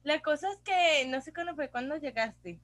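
A woman's voice: high-pitched, lively intonation, normal speed, a crowd in the background. A young woman with a Costa Rican accent, co-hosting a podcast and telling stories in casual chat, dropping English phrases and slang. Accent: Costa Rican Spanish. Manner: chatty storyteller mixing in English phrases and slang. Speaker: podcast co-host.

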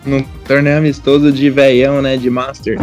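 Halting, mid-pitched Brazilian male co-host. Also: flat delivery, darkish tone, faint music behind. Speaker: football talk show co-host. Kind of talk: casual chat.

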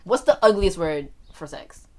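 A woman's voice: on the low side, expressive, moderate pace. A woman in her twenties co-hosting a podcast, blunt and slangy, laughing often in casual chat. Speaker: podcast co-host.

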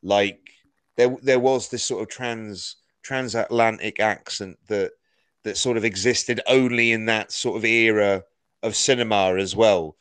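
A man's voice: lowish voice, fairly even intonation, unhurried, fairly bright tone, clear, resonant tone. A man co-hosting a podcast, chatting casually about a film in a rambling way, full of "like" and restarts. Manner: rambling, heavy use of "like". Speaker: podcast co-host. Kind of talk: casual film review chat.

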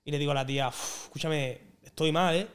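Young guy, guest spot: rapid, slightly high voice, slangy and animated. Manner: animated, slangy, acts out quotes. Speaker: guest singer. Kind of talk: casual podcast storytelling.

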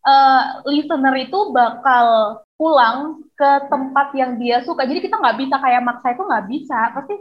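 A woman host leading a casual interview in a fairly high voice, relaxed and friendly as she questions her guest. The recording sounds dull and lo-fi. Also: moderate pace.

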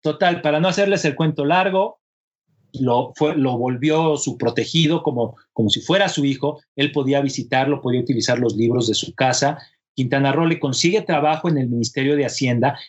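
A man's voice: mid-range voice, brisk, husky, muffled recording. A man telling a history story in casual conversation, acting out the dialogue, with frequent tag questions and fillers.

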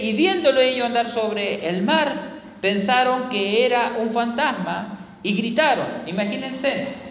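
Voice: high voice, fairly bright tone, a little hiss or hum. A preacher delivers a sermon, repeating phrases for emphasis and speaking directly to the congregation. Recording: echoey hall with long reverb.

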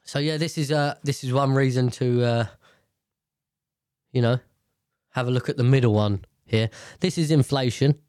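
A British man with a nasal, stuffed-up voice at a medium pitch. He comments in a loose, informal way, blunt and quick to swear. The sound is dry, with no room echo. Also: darkish tone, clean tone. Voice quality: nasal, congested. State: blocked nose from sinus infection. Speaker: host. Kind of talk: casual rambling commentary, reading news aloud.

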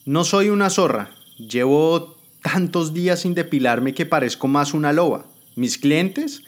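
A man's voice: a little high, expressive, a little slow, pitched above the performer's own voice. A man voicing a scornful, ruthless woman politician. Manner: taunting, contemptuous. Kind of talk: dramatic storytelling.

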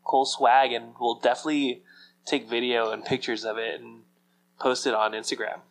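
Guy co-hosting a podcast, middle pitch, kinda rambly, lots of ums. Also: level tone, normal speed, low-quality recording. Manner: rambling, hesitant, many fillers and restarts. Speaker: podcast co-host. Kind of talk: casual chat.

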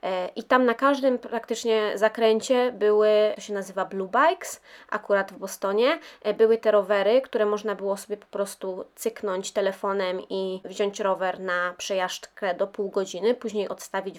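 A woman's voice: medium pitch, fairly even intonation, normal speed. A young woman hosting a casual travel podcast, talking in a chatty way with many fillers and restarts. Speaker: podcast host.

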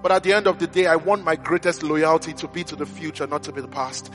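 Man, preacher, sermon, high voice, sharp tone, impassioned rhetorical questions. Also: little pitch movement, quick pace, faint music behind. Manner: impassioned, rising to shouted appeals.

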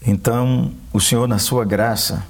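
A man's voice: medium pitch, steady tone, a little slow, vocal fry. A man, a pastor speaking earnestly about grief and speaking directly to listeners. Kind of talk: conversation on faith and grief.

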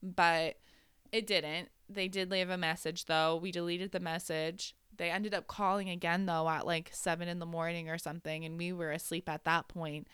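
A woman's voice: fairly low pitch, little pitch movement, normal speed, a bit bright, clear, resonant tone, dry recording, studio quality. A young woman co-hosting a podcast, telling a story in casual chat, laughing often and leaning on "like". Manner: giggly, many "like" fillers. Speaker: podcast co-host.

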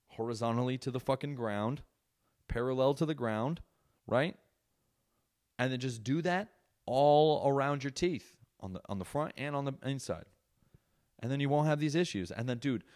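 A young man hosting a comedy podcast, ranting in a loose, profane way with loud bursts of mock outrage. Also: medium pitch. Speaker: podcast host. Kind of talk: casual comedic rant.

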